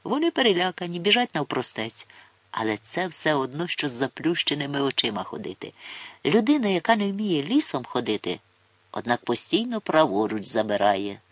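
A man's voice: on the high side, very animated, normal speed, dry recording, pitched above the performer's own voice. A man doing a grumbling old forester. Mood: gruff. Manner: grumbling, scornful, folksy. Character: gruff older male forester, mocking and self-satisfied.

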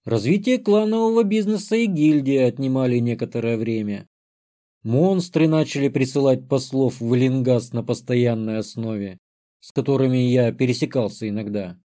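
A man reading a humorous fantasy audiobook in the first person, with expressive, wry storytelling. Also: mid-range voice, normal speed. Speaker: audiobook narrator. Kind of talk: scripted audiobook narration.

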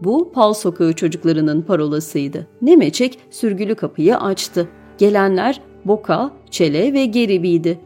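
Woman narrator, mid pitch, even storybook reading over faint music. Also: moderate pace, few pauses, slightly rough. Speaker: audiobook narrator.

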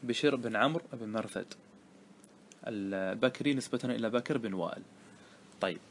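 A man's voice: medium pitch, a little hiss or hum. A man teaching a classroom grammar lesson, explaining step by step, asking questions and answering them himself, stretching out the quoted examples. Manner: drawn-out emphasis on quoted examples. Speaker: Islamic scholar teaching Arabic grammar.

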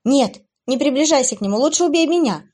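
A woman voicing a young heroine who pleads and shouts in anger and despair for an audiobook. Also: medium pitch, expressive, brisk, close to an everyday voice. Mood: furious.

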